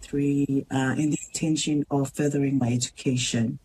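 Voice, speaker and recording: A woman from Tonga with a Tongan accent, a teacher speaking as a guest in a radio interview, earnest and halting with many pauses and restarts. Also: very deep voice, steady tone, mellow, slightly rough, low-quality recording. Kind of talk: radio interview, personal story.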